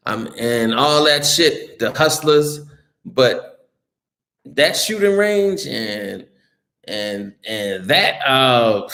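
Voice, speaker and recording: A man's voice: fairly high pitch, a bit bright. An American man chatting casually on a live stream, reading viewer comments and answering them bluntly, with lots of swearing and many restarts. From United States. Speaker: vlogger reading live chat. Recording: roomy echoey recording.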